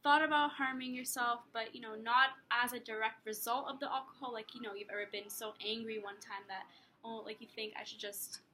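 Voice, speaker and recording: Bright-voiced woman on a noisy counselling call. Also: a little high, fairly even intonation, fairly quick. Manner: questioning, checks understanding, tentative phrasing. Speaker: counsellor intake worker in a practice role play. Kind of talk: role-played telephone counselling interview. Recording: clear background noise, room ambience.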